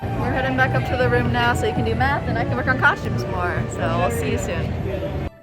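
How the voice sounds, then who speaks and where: A young woman giving quick casual vlog updates to a handheld phone camera at a convention. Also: fairly high pitch. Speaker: cosplay vlogger. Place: convention and hotel. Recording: loud music behind.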